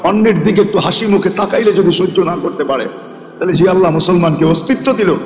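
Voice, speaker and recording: High-voiced preacher in an echoing hall. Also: male voice, fast talker, dull audio. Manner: rhythmic chanting of lists, rising into shouts. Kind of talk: sermon. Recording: echoey hall, long reverb.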